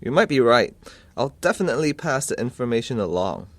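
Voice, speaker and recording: With a sing-song, fairly quick mid-range voice and no echo, a man voices a polite, concerned uncle asking for advice about his niece. The scripted listening-test dialogue has him polite, curious, and inquiring.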